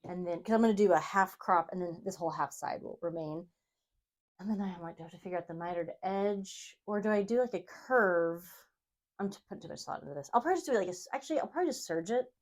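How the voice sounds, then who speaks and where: A woman's voice: fairly low pitch, expressive, fast talker. Chatty woman rambling while sewing. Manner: rambling, self-deprecating, giggly. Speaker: crafting video host. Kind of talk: casual brainstorming chat while sewing.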